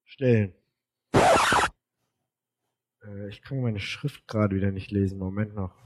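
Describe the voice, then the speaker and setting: Male podcast co-host, husky voice worn down by a cold, lively casual chat. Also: on the low side, a little slow. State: hoarse from a cold.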